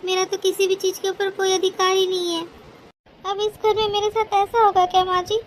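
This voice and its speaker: A scheming young daughter-in-law in a cartoon, played by a woman, who complains in a sugary, whiny tone to get sympathy. Her voice is very high. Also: little pitch movement, a little fast, a little hiss or hum. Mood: whining. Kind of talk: cartoon voice acting.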